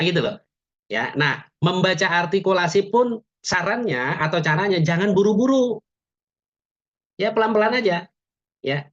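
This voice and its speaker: A man's voice: fairly high pitch, a bit bright. A man teaching public speaking in an online webinar, chatty, with joking asides and frequent "ya" tags. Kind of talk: webinar lecture. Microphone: video call. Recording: dull lo-fi webinar audio.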